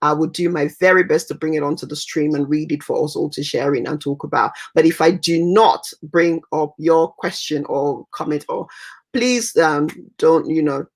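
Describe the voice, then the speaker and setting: A woman's voice: deep voice, moderate pace. A woman from Cameroon hosting a livestream interview, enthusiastic and repeating words for emphasis. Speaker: talk show host.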